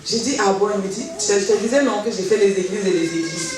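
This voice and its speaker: A woman with a medium-pitched voice speaks quickly as she gives a personal church testimony, animatedly telling her story and acting out the dialogue she remembers. The hall is very echoey, her voice comes from far off, and there's faint noise.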